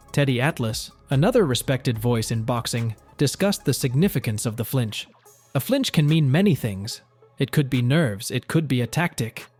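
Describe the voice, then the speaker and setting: Male narrator, mid-pitched, reading scripted sports news over faint music. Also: a little mellow.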